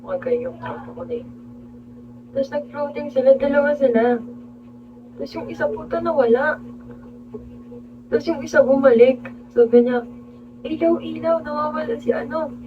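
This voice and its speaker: A woman's voice: sits high, expressive, moderate pace, pauses often. A woman hosting a casual livestream, telling a story with animation and greeting viewers as she goes. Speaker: livestream host. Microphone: phone. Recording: tinny phone-like audio with hum.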